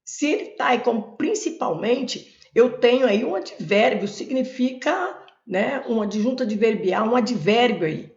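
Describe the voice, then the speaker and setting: A woman's voice: a little high, animated, measured pace. Brazilian woman teaching with a cold. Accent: Brazilian Portuguese. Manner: explains step by step, repeats terms. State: has a cold. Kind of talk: exam-prep grammar lesson. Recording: dull lo-fi recording.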